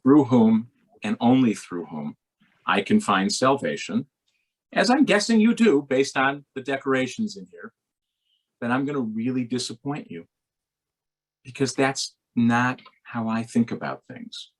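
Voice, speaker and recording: Husky, animated rabbi telling a story. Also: male voice, mid-range voice, unhurried. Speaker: rabbi and speaker. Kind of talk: storytelling talk.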